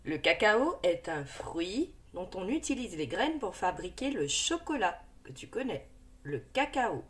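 A woman's voice: fairly low pitch, sing-song, a little slow. A woman teaching a first-grade reading lesson, sounding out each letter and syllable carefully and encouraging the child. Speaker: primary school teacher. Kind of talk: slow, deliberate reading lesson for young children.

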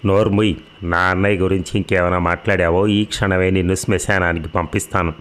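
A man's voice: low voice, level tone, a little fast, fairly bright tone. A man reading a story voices a young man who refuses to harm his elder brother, speaking in firm, emphatic declarations. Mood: resolute. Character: young man, angry then remorseful brother.

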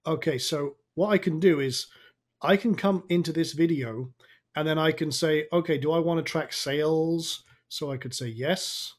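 A man gives a casual on-screen tutorial in a raspy, tired voice. He talks informally, muttering his way through each step as an online marketing coach would. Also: fairly high pitch, moderate pace. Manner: informal, thinking aloud.

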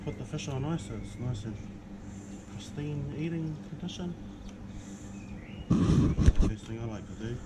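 A man's voice: medium pitch, measured pace, pauses often. Māori New Zealand man, noisy backyard recording. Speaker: fish processor giving a demonstration. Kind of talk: hands-on demonstration, casual instruction. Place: outdoors in a backyard. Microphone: camera a few steps away. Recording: noisy outdoor action camera audio.

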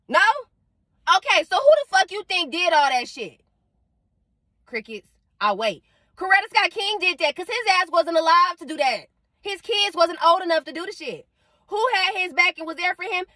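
A woman's voice: sits high, sharp tone, dry recording. Fired-up woman ranting, dry close sound. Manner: emphatic, profane, fired-up. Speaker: vlogger. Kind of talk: unscripted monologue rant.

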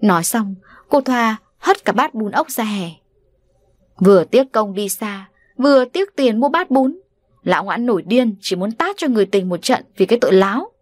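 A woman narrating an audiobook novel in an expressive storytelling manner. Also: a little high, moderate pace, no echo. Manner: dramatic, animated delivery of voices.

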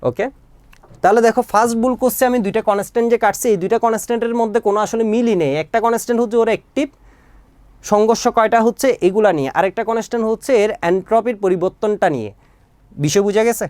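Man, online tutor, clear and smooth delivery, dry close sound, methodical and quizzing the class as he goes. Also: high voice, quick pace, a little mellow, dry recording. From Bangladesh. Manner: explains step by step, often checks understanding with questions. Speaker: chemistry tutor. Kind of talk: recorded online lesson.

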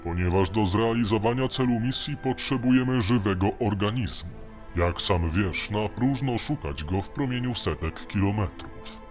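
A man voicing a towering security robot in a rough, metallic robot voice, speaking in flat, formal machine statements. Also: on the low side, normal speed, few pauses, soft background music. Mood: cold, formal. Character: towering male security robot, cold and dutiful. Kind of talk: audiobook narration.

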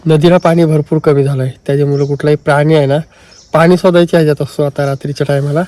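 A man with a Marathi Konkan accent, chatting casually to viewers during a night camping vlog in the forest, repeating phrases and often speaking low. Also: little pitch movement, fast, dark tone, dry recording. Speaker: camping vlogger. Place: outdoors at night in a forest by a river.

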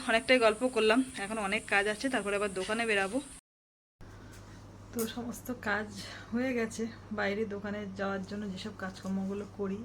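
In a noisy phone recording made at home, a vlogger with a medium-pitched voice talks casually about her day. Her chat is rambling and homely, aimed at her viewers, and she speaks quietly to avoid waking a sleeping child.

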